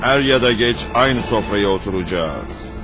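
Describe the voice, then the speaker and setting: A man's voice: fairly low pitch, lively intonation, unhurried, music in the background, poor audio. An actor playing an insinuating, argumentative townsman in a historical drama, speaking in a patronizing, persuasive manner. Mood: sly, patronizing. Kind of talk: dubbed historical drama acting.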